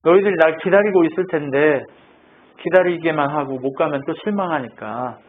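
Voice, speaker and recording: A male pastor preaching a lively, conversational sermon and firing questions at his congregation. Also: a little high, normal speed. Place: church sanctuary. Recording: tinny phone-like church recording with faint noise.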